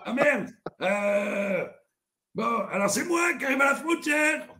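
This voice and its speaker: Shameless old grandpa for a comedy sketch: squeaky, sharp-toned, rambling, blurts out curses. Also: male voice, lively intonation, takes it slowly, exaggerated voice. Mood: crude rambling. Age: older. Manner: rambling, foul-mouthed, bursts into shouts.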